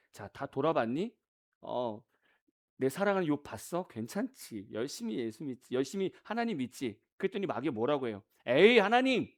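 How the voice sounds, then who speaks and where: A male pastor preaching a sermon in an animated way, often asking the congregation questions. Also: high voice. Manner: animated, acts out quoted voices, rhetorical questions to the congregation.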